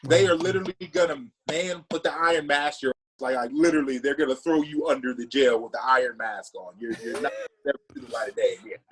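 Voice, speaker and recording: Joking, swearing man with a high-ish voice. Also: fast talker, low-quality recording. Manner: animated, joking, heavy swearing. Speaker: podcast guest. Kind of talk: casual chat.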